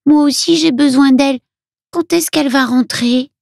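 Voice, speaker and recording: Woman playing a little girl, very high and earnest, childlike storybook voice. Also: moderate pace, vocal fry, darkish tone, no echo, studio quality. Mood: pleading. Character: Luna, a tearful little girl, daughter of a witch.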